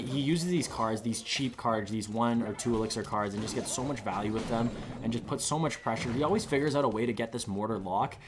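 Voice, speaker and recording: An esports caster, a man, commentates live on a match while losing his voice. He rambles excitably, climbing to loud peaks on big plays. His pitch is medium, and there is background noise.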